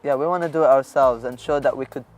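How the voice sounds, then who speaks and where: A man's voice: medium pitch, quick pace, a little mellow, lo-fi sound, faint music behind. Earnest teenage guy from Lebanon. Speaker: dance group member. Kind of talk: documentary interview.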